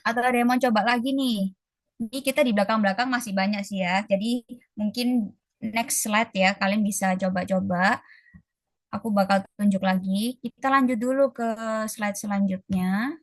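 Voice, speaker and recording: A woman tutoring an online class, chatting casually and stretching out model phrases slowly. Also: mid-range voice, dry recording, studio quality. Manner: slow, drawn-out model pronunciations; casual, chatty teaching, calls students guys. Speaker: Mandarin tutor. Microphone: video call.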